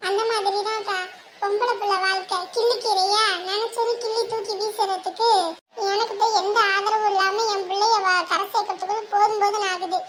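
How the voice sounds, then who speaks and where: A woman's voice: extremely high pitch, flat delivery, a little fast, a bit bright, slight background noise. An actress playing a weary mother who firmly refuses a marriage proposal for her daughter in a family drama. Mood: pleading. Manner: pleading yet firm, sends guest away. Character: weary mother fed up with her drunk husband.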